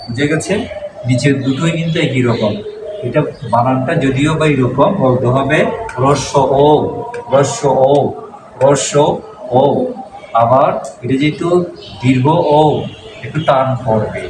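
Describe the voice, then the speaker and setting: A man's voice: mid-range voice, normal speed. A man, a Buddhist monk, teaching a class how to pronounce letters, patiently repeating each sound and quizzing his students. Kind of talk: classroom pronunciation lesson. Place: classroom with a board. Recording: echoey room, distant mic, noise.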